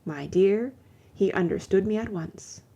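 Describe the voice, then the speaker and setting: A woman reading a classic novel aloud in the first person, measured and expressive. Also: medium pitch, gravelly. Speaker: audiobook reader. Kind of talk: first-person literary audiobook narration.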